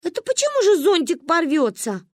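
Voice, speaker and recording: A woman voicing a bold, stubborn little girl who squeals and wails loudly in an audiobook story. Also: very high voice, very animated, unhurried, dry recording, studio quality, voice pushed up, full character voice. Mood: boastful. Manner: squealing, wailing.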